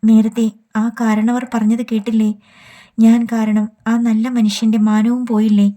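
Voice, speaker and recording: A woman's voice: fairly high pitch, little pitch movement, moderate pace, warm tone, natural voice. A woman reading an audiobook, voicing a grieving young woman who speaks in distress. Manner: distressed, pleading.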